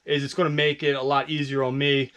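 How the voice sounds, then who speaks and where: A man's voice: mid-range voice, level tone, fast talker, a bit bright. A man casually walking through his basement resale stock in a vlog, loose and rambling with lots of fillers. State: out of breath. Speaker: online reseller vlogger. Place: home basement storage room.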